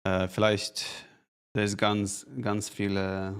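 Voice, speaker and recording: A man streaming a strategy game, chatting casually with viewers in halting, self-correcting speech and thanking subscribers. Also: on the low side, completely flat delivery, smooth. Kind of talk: casual live-stream gaming chat.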